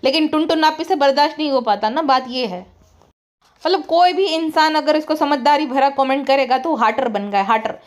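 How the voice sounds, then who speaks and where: A woman with a high, light voice delivering sarcastic vlog commentary. She scolds and mocks in a blunt, conversational way, driving each point home with cutting remarks. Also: normal speed. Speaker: commentary vlogger.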